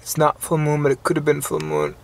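A man's voice: fairly high pitch, level tone, a little fast, vocal fry, a little hiss or hum. A young man in his twenties, not a native English speaker, rambling playfully and mocking himself in a late-night vlog from a parked car, filmed on a phone held at arm's length. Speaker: vlogger. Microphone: phone camera held at arm's length.

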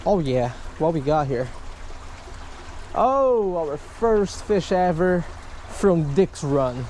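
A fishing vlogger in his thirties narrates casually to camera at a wooded creek, taking it slowly with a fairly high, slightly mellow voice and lively intonation. He exclaims over each catch and chats with viewers, with slight background noise on the handheld or chest-mounted camera mic.

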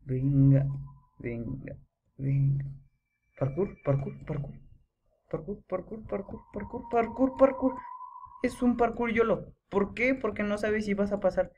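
A teenage boy, giving excitable horror gameplay commentary, chanting and yelling when scared. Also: high-pitched, measured pace, dull audio, a little hiss or hum. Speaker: gamer.

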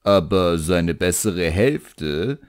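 Sardonic ancient djinn, read by a male narrator: slow, teasing, amused. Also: sits low, expressive, no echo, studio quality, exaggerated voice. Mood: mocking. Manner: mocking, drawn-out, teasing. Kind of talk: audiobook reading.

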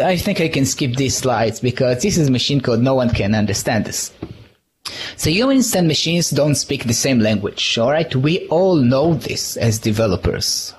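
A man gives a live conference talk at a middle pitch. He speaks in a loose, conversational way, often repeating and restarting words and checking in with the audience. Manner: conversational, with frequent "all right?" check-ins.

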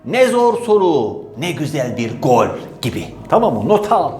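A man's voice: on the high side, very animated, moderate pace, darkish tone. A man teaching grammar in an exam-prep lesson, emphatic, repeating key rules and voicing his students' questions. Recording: echoey room.

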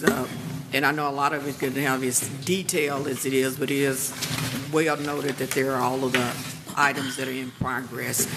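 A man on a city council giving rambling, appreciative closing remarks at a meeting. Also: mid-range voice. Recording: council room with loud hum.

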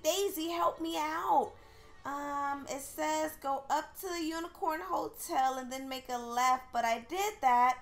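A woman narrating an in-character game role-play in a gushing, excitable way, with frequent gasps and squeals. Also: high voice. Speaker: gaming video creator.

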